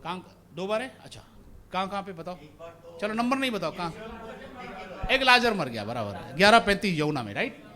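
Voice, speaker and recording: A male pastor from India delivers an animated sermon, questioning his congregation as he goes. His voice sits high for a man. It rises and falls widely as he talks. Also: a little fast, long pauses. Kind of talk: Hindi sermon with English phrases.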